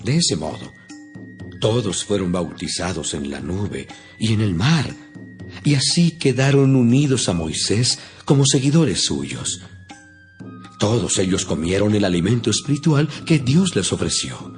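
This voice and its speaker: Casting: an earnest, stern apostle for a dramatized audio scripture, lowish register, solemn preacherly emphasis, light score underneath. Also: male voice, big pitch swings, a little slow. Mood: solemn, admonishing. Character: apostle Paul, earnest, stern male preacher to his flock. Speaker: Bible reader voicing the apostle Paul. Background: music behind the voice.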